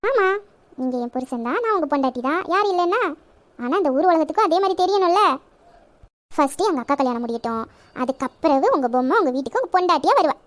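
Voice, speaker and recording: A woman's voice: sits high, expressive, fast. A woman voicing a young college girl in love in a romantic audio drama, pleading and coaxing her sweetheart. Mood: affectionate.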